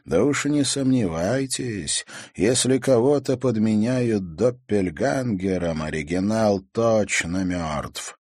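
A man's voice: fairly low pitch, lively intonation, slow pace, darkish tone, dry recording, clean studio sound, pitched above the performer's own voice. A man doing a sullen mirror doppelganger. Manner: grudging, terse replies. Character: sullen male mirror doppelganger, evasive, irritable. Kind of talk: audiobook character voice.

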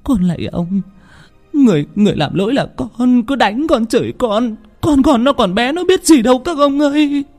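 Tearful young mother on her knees begging, high strained voice, played by a male narrator. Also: lively intonation, moderate pace, darkish tone, faint music behind. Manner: tearful, pleading falsetto.

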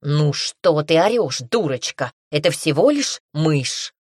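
A woman reads as a sardonic woman from a storybook, snorting and scoffing at her companions' fuss. Her voice is pitched low and the read is dry and close. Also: expressive, takes it slowly, darkish tone, no room sound, exaggerated voice. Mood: mocking. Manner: scolding, snorting, mocking.

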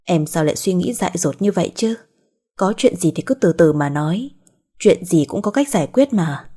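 A woman's voice: fairly low pitch, animated, normal speed, warm tone, slightly rough. A woman voicing a worried middle-aged father who soothes and pleads.

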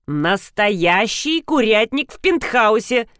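A woman's voice: medium pitch, big pitch swings, dry recording, clean studio sound. A woman voicing an awkward, tongue-tied grown man fumbling for words. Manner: halting, awkward.

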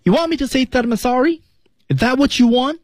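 A man voicing an agitated, exasperated cartoon character in a shrill, indignant tone. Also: brisk, slightly rough, no room sound, studio quality.

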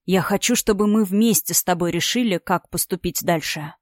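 A woman voicing a calm, steady young man who speaks in a measured, consoling, slightly husky way in an audiobook story. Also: on the low side, no room sound, studio quality, natural voice. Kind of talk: audiobook character voice.

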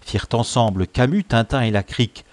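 A man reading a classic novel aloud as an audiobook narrator, measured and expressive. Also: medium pitch, no echo. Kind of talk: scripted narration.

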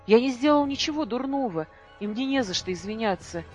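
A reader voicing a furious young boy who defies his mother, with a shouting, indignant voice that breaks. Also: mid-range voice, very animated, unhurried, faint music behind, pitched above the performer's own voice. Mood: defiant.

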